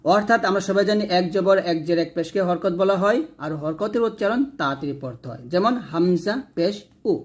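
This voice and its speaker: This Quran reading teacher, a man with a Bangladeshi accent, spells out every Arabic letter along with its vowel mark before joining the syllables into words, as in a slow recitation lesson. His voice is high, and he speaks fairly quickly with few pauses.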